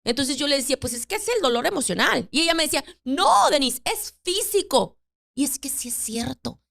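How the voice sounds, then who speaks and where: A woman speaks in a high voice on her own podcast. She talks earnestly and reflectively, restarting phrases and repeating words as she works through her thoughts. She sounds middle-aged. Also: fairly bright tone. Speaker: podcast host. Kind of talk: reflective solo podcast talk on grief.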